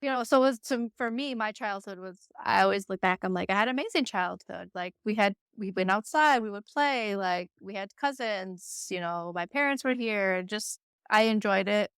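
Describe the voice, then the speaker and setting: Woman, 30s, from Croatia and Michigan, casual guest chat, lots of fillers, clear resonant tone. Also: mid-range voice, moderate pace, hardly any pauses, fairly bright tone, dry recording, studio quality. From born in Croatia, raised in Michigan, United States. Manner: chatty, lots of filler words. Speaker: podcast guest.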